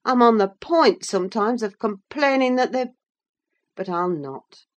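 A woman's voice: on the high side, lively intonation, measured pace, voice pushed up. A woman voicing a sullen, jealous teenage boy with a blunt, insistent manner in a classic novel audiobook. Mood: hurt, insistent. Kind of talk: audiobook character acting.

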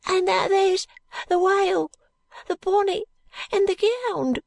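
A ragged young street boy, as a woman reader puts him on, high and thin with a breathy, half-whispered edge and a gravelly catch beneath it. He speaks slowly and haltingly, in plain ungrammatical street talk, recorded close and dry for a storybook reading. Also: a little mellow, dry recording, full character voice. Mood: bewildered. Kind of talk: audiobook character voice.

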